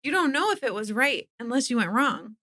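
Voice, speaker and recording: Bright, fairly high woman co-host. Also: very animated, a little fast. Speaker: podcast co-host. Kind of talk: casual interview conversation.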